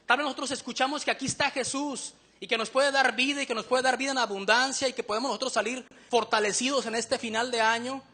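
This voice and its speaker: Preacher guy, high bright voice, earnest, asks the church lots of questions. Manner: earnest, questioning the congregation, slows down to read verses. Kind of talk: sermon.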